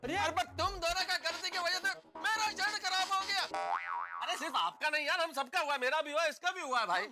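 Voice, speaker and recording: A man playing a sitcom neighbour who scolds in an exasperated way. His voice sits high, and clear music plays underneath. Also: fairly quick. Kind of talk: television sitcom acting. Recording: background music.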